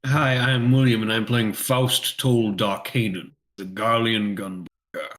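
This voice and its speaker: A man's voice: on the low side, steady tone, measured pace, fairly bright tone. A man playing in a tabletop game over a voice call, his phrases echoing back heavily and bits cut by noise cancellation. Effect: heavy echo repeating his phrases, parts cut by noise cancellation. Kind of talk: casual online game chat.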